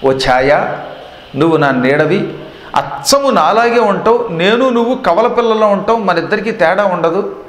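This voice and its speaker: A man voicing a calm, resolute goddess wife in an earnest storytelling voice. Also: high voice, moderate pace, roomy sound, in a large hall.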